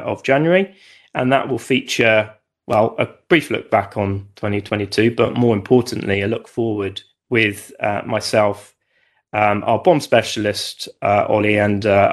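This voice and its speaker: A man speaking as an expert guest, giving conversational commentary in measured, hesitant phrases. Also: on the low side.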